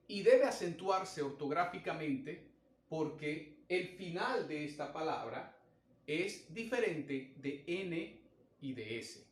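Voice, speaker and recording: A man's voice: on the high side, fairly bright tone, roomy sound. A man teaching a grammar lesson, explaining step by step and counting out syllables. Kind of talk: recorded language lesson.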